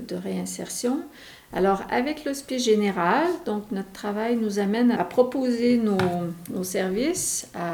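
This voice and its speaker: A middle-aged woman from Quebec, Canada, with a Québécois French accent, is a guest in a radio interview explaining her work. Her mid-range voice is gravelly and darkish, and she hesitates with many fillers and restarts. The room sounds echoey.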